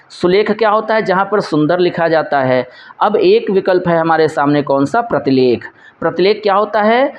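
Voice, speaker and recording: A man's voice: high voice, lo-fi sound. A male teacher going through exam quiz questions, posing each question and answering it himself while repeating the key points.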